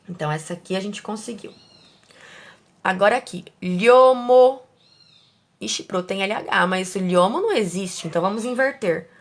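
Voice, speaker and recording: A woman teacher speaking slowly and carefully, sounding out words syllable by syllable for young pupils and asking them questions. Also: mid-range voice, vocal fry. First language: Portuguese. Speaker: primary school teacher. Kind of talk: slow, careful classroom instruction.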